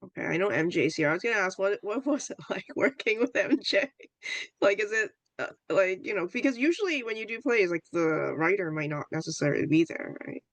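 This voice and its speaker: A woman's voice: mid-range voice, lively intonation, a little fast, no room sound. A woman hosting a podcast, asking questions in a casual, slightly hesitant way. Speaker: podcast host. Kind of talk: podcast interview.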